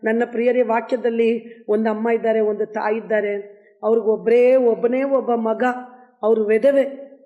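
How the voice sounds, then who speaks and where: A woman's voice: on the high side, little pitch movement, moderate pace, phone-quality sound. A woman pastor preaching a devotional sermon and leading prayer in an earnest, repetitive way. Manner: earnest, repetitive address to listeners.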